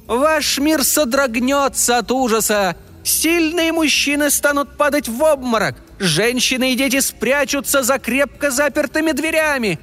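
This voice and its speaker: A man's voice: very high voice, unhurried, a bit bright, soft background music, pitched above the performer's own voice. A man voicing a proud, scornful male fairy who makes grand, contemptuous boasts. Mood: grandiose.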